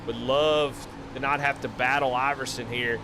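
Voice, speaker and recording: A man calling a live sim race in casual, folksy play-by-play, getting loud and excited when the cars make contact. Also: mid-range voice, moderate pace, noisy background. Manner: excitable, rising sharply and loud during wrecks; folksy, casual Southern phrasing. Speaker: race commentator.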